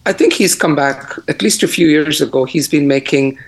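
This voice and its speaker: A man's voice: on the high side, moderate pace, breathy edge. A man, a film reviewer and co-host, talking casually from home over an internet call, his voice crunchy and bitcrushed, with plenty of fillers and restarts. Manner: relaxed, with many fillers and restarts. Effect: crunchy, bitcrushed internet-call audio. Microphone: internet video call.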